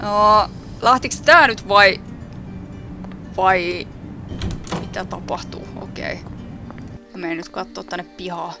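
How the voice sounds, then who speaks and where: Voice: mid-range voice, vocal fry, pauses often, over music. A gaming YouTuber giving casual, jokey running commentary while playing a game. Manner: chatty, jokey running commentary with small laughs.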